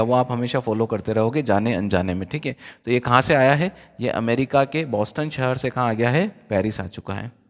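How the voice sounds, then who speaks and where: A young man with an Indian accent teaches an English story to students. He reads each line slowly, then explains it in fast, casual Hindi. His voice sits at a middle pitch and carries a long reverb, as if recorded in an empty hall.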